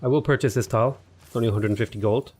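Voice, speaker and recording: This gaming YouTuber fires off rapid commentary in a medium-pitched voice that is a little mellow and slightly rough. Playing a strategy game for a casual let's play, he thinks aloud, rambles and talks to his units, sounding sniffly and mildly unwell.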